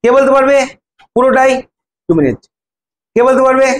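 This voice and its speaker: High-voiced male teacher in echoey classroom. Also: lively intonation, fairly quick, a little hiss or hum. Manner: prompting students by name, repeating words. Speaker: English teacher. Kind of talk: classroom lesson with students. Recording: echoey classroom, faint ambience.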